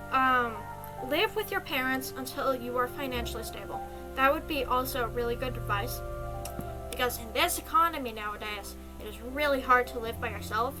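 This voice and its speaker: A young woman with a high-pitched voice chats casually as a streamer, giving advice in a loose, rambling way full of ums and small giggles. Music plays clearly in the background the whole time. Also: poor audio.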